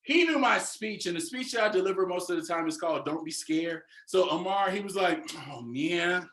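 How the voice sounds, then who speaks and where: Young guy giving a keynote, bright punchy voice, roomy echo, lots of y'all. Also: sits high, a little fast, slight background noise. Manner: animated, addresses audience directly as "y'all". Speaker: keynote speaker. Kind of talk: motivational storytelling speech.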